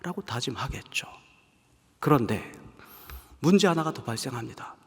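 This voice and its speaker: A man preaching a sermon as pastor, moving between fervent raised passages and hushed whispers. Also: medium pitch, animated, normal speed, slightly rough. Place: large church sanctuary. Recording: long hall reverb from a large church.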